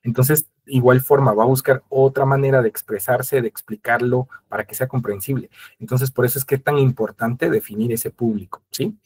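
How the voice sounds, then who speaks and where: A man's voice: medium pitch, steady tone, normal speed, hardly any pauses, darkish tone, slightly rough. A man presenting an instructional webinar, explaining step by step, addressing his audience directly and acting out quoted conversations.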